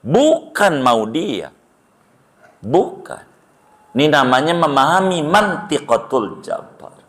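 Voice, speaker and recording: A man's voice: on the high side, takes it slowly. A middle-aged man preaching to a congregation, firing rhetorical questions at his listeners and joking as he teaches. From Indonesia. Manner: animated, rhetorical questions to the audience, jokes. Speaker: Islamic preacher. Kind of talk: sermon to a live congregation.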